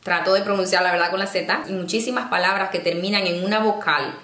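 A woman presenting a casual teaching vlog, patiently explaining and slowing down to sound out example words. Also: mid-range voice, steady tone, pushed and bright. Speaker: online English-learning presenter. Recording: echoey room.

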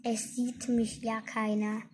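A woman voicing a cheeky little male ink monster in a storybook reading, squealing high and loud when upset. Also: level tone, takes it slowly, a little hiss or hum. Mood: grumpy. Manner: shrieking, squealing in distress.

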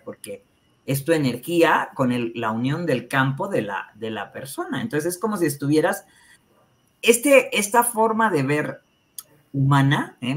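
A woman hosting the talk, explaining ideas in a measured, teacherly way and linking each step with connecting words. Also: deep voice. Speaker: host and teacher of a healing method. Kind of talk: calm explanation.

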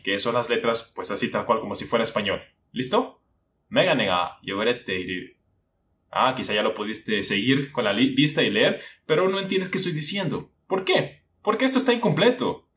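A man's voice: medium pitch, a bit bright. A young man giving a casual spoken lesson, talking to the viewer with lots of questions. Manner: conversational, asks the viewer questions, acts out a teacher. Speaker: language-learning YouTuber. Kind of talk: casual explanatory monologue.

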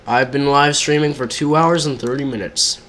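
A man's voice: medium pitch, normal speed, fairly bright tone. Young man live-streaming a game. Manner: chatty, talks to viewers between game reactions. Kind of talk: casual gaming live stream commentary.

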